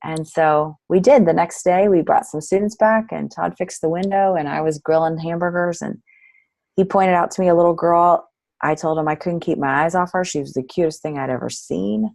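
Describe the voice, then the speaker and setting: A woman's voice: fairly low pitch, moderate pace, gravelly, darkish tone, no echo, poor audio. A middle-aged woman, a nonprofit director, telling her story earnestly as an interview guest.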